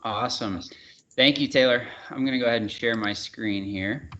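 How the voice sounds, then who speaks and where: A man giving a relaxed sales presentation over a video call, with frequent fillers and restarts. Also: medium pitch, normal speed. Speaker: regional sales manager presenting a webinar. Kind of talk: casual product presentation. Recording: dull, muffled webinar audio.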